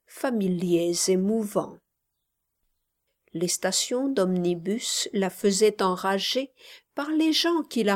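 A woman narrating a literary story in a slow, measured voice that at times drops almost to a whisper. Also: mid-range voice, a little mellow.

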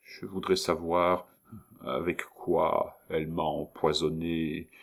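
A man's voice: deep voice, fairly even intonation, slow, exaggerated voice. A man playing a frightened, feverish sick nobleman who stammers out trembling pleas, in a storybook reading. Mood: anguished. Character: frightened, feverish sick male count, pleading.

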